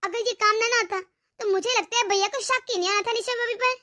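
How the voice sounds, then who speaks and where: A cunning young daughter-in-law from a family cartoon, voiced by a woman, with a very high, bright voice. She taunts and threatens her in-laws in a sharp, scheming way. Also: steady tone, quick pace. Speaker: voice actor.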